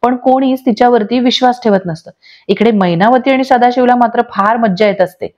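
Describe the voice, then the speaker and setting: A woman's voice: on the high side, a little fast, dull audio. A woman narrating a recap of a TV serial episode, reading the characters' lines aloud as she tells the story. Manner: steady storytelling, reads dialogue aloud. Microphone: voice-over.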